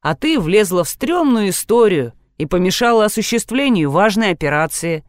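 A woman voicing a brusque male police officer with a brisk, teasing manner. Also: medium pitch, big pitch swings, dry recording, clean studio sound, lightly acted.

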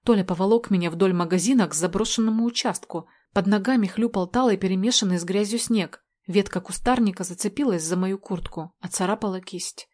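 A woman narrating a story in the first person in a steady, measured way. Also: medium pitch. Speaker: audiobook narrator.

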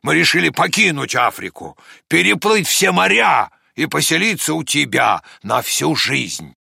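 A man voicing a gentle, homesick male crocodile in a slow, mournful storybook reading. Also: on the high side, very animated, vocal fry, slightly rough, no echo, clean studio sound, pitched above the performer's own voice, exaggerated voice.

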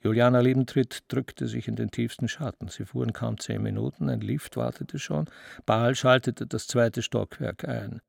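A man reading literary prose as narrator in a measured, expressive way. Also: mid-range voice, creaky, no echo, clean studio sound.

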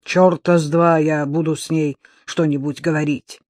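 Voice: medium pitch, level tone, normal speed, a little mellow, no room sound, clean studio sound, natural voice. A reader voicing a burly male crook who grumbles and snaps irritably. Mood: gruff irritation.

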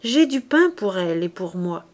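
A woman's voice: medium pitch, big pitch swings, normal speed, natural voice. Woman voicing a wheedling greedy innkeeper. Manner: wheedling, feigned tenderness. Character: greedy scheming male innkeeper, smooth-talking.

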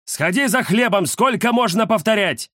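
A man voicing a nagging old grandfather shouting from another room. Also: sits high, lively intonation, normal speed, dry recording, clean studio sound, voice pushed up, full character voice.

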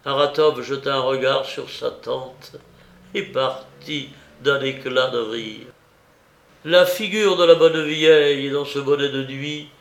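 A male audiobook reader narrating a classic novella in a measured, grave manner. His voice is gravelly and his delivery unhurried. The reading sounds roomy, with a noticeable echo. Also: mid-range voice, a bit bright. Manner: slow, measured, grave storytelling. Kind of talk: scripted literary narration.

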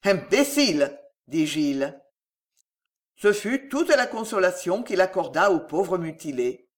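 Audiobook narrator, lively intonation, mid pitch, dramatic, expressive. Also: unhurried. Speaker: audiobook reader.

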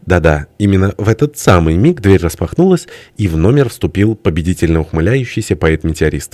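A man narrates an audiobook in a low, dark voice with dry irony. The recording is close and dead, with no room sound. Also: dry recording.

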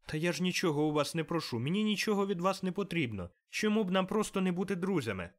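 A man's voice: sits high, expressive, fast, voice pushed up. Man doing a cheerful, eager young nephew. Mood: eager, pleading. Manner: bright, eager, raised voice. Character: cheerful young male nephew, warm-hearted and pleading.

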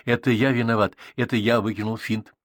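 A man's voice: on the low side, fairly even intonation, fairly quick, no room sound, clean studio sound, close to an everyday voice. A man voicing a cheeky, teasing schoolboy friend in an audiobook, cheerful and mocking. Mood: apologetic.

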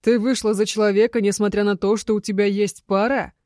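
A woman's voice: lowish voice, moderate pace, darkish tone, no echo, clean studio sound, lightly acted. A woman reading an audiobook and voicing an intense, jealous young werewolf man who keeps pressing with questions. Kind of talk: audiobook character voice.

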